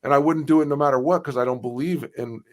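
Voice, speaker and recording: A man's voice: mid-range voice, quick pace, a little mellow. A man chatting casually on a stream, emphatic, swearing and repeating himself for stress. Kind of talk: casual group chat on a stream.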